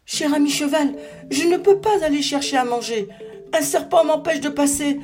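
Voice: sits high, normal speed, darkish tone, faint music behind, voice pushed up. A narrator voicing a small, hungry salamander who pleads politely for help in a storybook tale. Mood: pleading.

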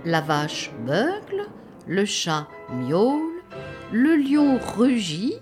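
A woman's voice: fairly high pitch, big pitch swings, very slow, over music, voice pushed up, exaggerated voice. A woman playing a fussy chimpanzee schoolteacher. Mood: didactic. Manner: carefully articulating, lecturing.

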